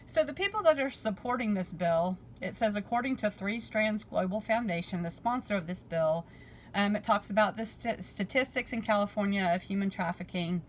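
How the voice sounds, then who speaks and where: A woman's voice: mid-range voice, expressive, normal speed, a little hiss or hum, rough recording. Woman casually explaining a bill aloud. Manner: reads aloud, then paraphrases with fillers and restarts. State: losing her voice. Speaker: political commentary vlogger. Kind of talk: casual commentary reading from a bill.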